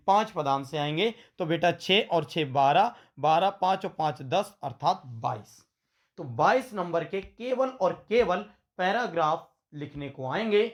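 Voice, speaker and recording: Here a male coaching teacher with a slightly high voice leads an exam-prep class. Speaking Hindi with a western Uttar Pradesh accent, he keeps addressing students as "beta" and repeats what he says in question form.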